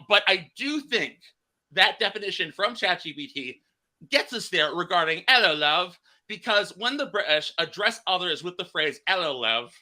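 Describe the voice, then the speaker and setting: A man's voice: sits high, pushed and bright. A man hosting a casual podcast chat, rambling and restarting his phrases. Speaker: podcast host.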